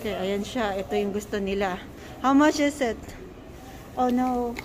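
A woman's voice: mid-range voice, moderate pace. A Filipino woman in her thirties with a Filipino accent, filming a casual family vlog and coaxing her kids along in English and Tagalog. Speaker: family vlogger mother. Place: indoor shopping mall. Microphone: handheld phone camera. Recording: noisy mall recording.

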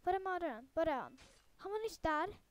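Young female gamer, high voice, loose rambling play-by-play, lots of fillers, tips quickly into excited panic. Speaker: gaming video creator. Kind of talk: casual let's-play commentary.

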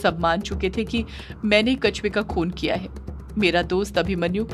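A woman voicing a grieving, guilt-ridden young man, speaking in a quiet, sorrowful inner monologue for an audio horror story. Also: medium pitch, normal speed, soft background music, lightly acted.

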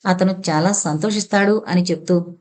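Woman narrator reading a novel out loud, steady storytelling, a bit low pitched. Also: normal speed.

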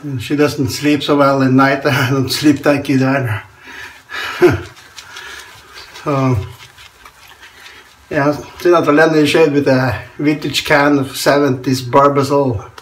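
Speaking at a slow pace with long pauses and a level, medium-pitched tone, this shaving vlogger is a Norwegian-accented man in his forties. He chats casually and chuckles frequently as he shaves in a small tiled bathroom. A close front-facing camera picks him up, with a little hiss or hum.

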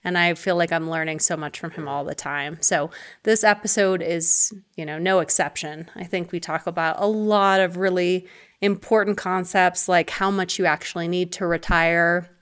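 30s woman cohosting a podcast, earnest and excited, kinda low voice. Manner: earnest and enthusiastic. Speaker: podcast co-host. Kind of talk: casual podcast chat.

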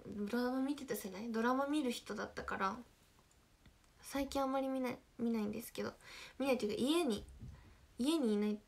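A young woman with a high voice, chatting loosely with her viewers during a livestream. She speaks in a Hiroshima dialect and keeps reacting to comments, now and then humming bits of songs between her remarks. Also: vocal fry. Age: young adult. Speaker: idol livestream host. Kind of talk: casual livestream chat with viewers.

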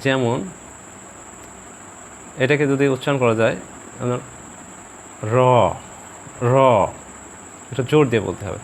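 A man teaching a pronunciation lesson in a calm, measured way. He slows down and repeats each example word so it can be copied. Faint insect and cricket sounds hum in the background. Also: mid-range voice, vocal fry. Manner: slow, deliberate, repeats example words for practice. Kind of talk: instructional video lesson.

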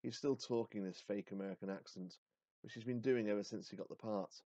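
Male teacher reading aloud to class, low mellow voice, dull dry recording. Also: brisk, no room sound. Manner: expressive reading, then casual with fillers. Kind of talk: reading a story aloud and giving a lesson.

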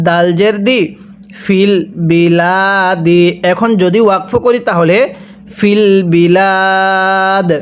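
A man with a Bangladeshi Bengali accent teaching Quran reading, spelling out letters and vowel marks slowly and asking listeners to repeat after him. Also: high-pitched. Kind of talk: slow spelled-out Quran recitation lesson.

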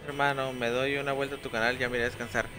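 Rapid-fire and flat, this young man's mid-range voice carries a Mexican Spanish accent as he streams casual gameplay commentary and reads chat. Chatty by nature, he curses when frustrated and voices game lines aloud, using a headset with game music in the background.

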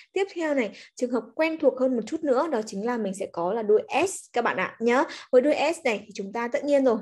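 This woman's voice is fairly high with a darkish tone. She's an English teacher running a chatty livestreamed grammar lesson, coaxing her students with frequent check-ins and sprinkling in "ok" and "nhá."

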